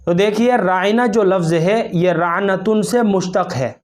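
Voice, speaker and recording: Cleric guy, high-ish voice, slow formal religious lesson, measured delivery. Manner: measured, formal, opens with Arabic recitation. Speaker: Islamic cleric explaining name meanings.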